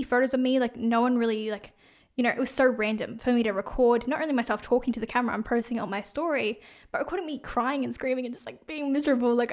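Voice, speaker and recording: Chatty young woman telling a story. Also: on the high side. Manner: chatty, animated, heavy use of "like". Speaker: podcast host and salon owner. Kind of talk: casual storytelling monologue.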